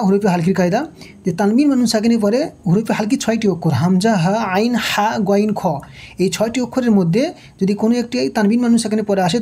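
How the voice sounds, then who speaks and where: Mellow-voiced woman teaching Quran reading slowly. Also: medium pitch. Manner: patient, repeats each syllable and asks the learner questions. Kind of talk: slow spelled-out recitation lesson.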